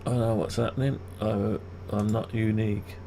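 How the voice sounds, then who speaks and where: Thinking aloud without a script, a man demonstrates CAD design for his video, muttering and asking himself questions. His voice sits on the low side and sounds creaky, and he moves at a moderate pace. Steady background noise and typing run underneath.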